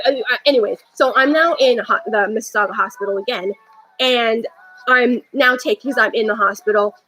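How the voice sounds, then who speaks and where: A woman's voice: mid-range voice, pushed and bright, a little hiss or hum, poor audio. A young woman talking to camera in an unscripted personal monologue, rambling with many restarts and fillers. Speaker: vlogger.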